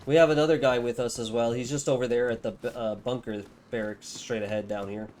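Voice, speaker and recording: A man's voice: medium pitch, fairly even intonation, fairly quick, a little mellow, a little hiss or hum. A young man streaming a game, chatting casually and amiably with strangers he meets. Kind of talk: casual chat while playing a game.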